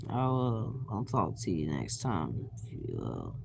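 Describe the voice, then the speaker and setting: A man with a fairly low voice and a rough, gravelly edge talks in a slow, unhurried drawl. He chats in a drowsy, laid-back way into his phone while lying in bed, swearing freely. A faint hiss of room noise sits behind him. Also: huge pitch swings. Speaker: livestreamer. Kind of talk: late-night casual livestream chat. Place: bedroom, lying in bed at night.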